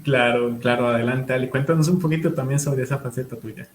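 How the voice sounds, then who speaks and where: A man's voice: medium pitch, a little fast, reverberant. A man hosting an interview, affirming the guest and inviting her to tell more. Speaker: interview host. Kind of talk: interview conversation.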